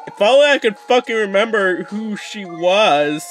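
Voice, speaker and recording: A man's voice: sits high, expressive, a little slow, fairly bright tone, faint music behind. A young man rambling through casual let's play commentary, swearing often and restarting his sentences. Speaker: gaming YouTuber.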